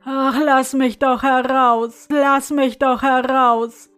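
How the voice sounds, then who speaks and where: A towering male spirit, put on by a woman reading a fairy tale, speaks with booming, haughty force. His voice sits high and loud. The storybook telling has faint music behind it. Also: takes it slowly. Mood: coaxing. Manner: booming and haughty, later pleading. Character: huge proud male spirit trapped in bottle.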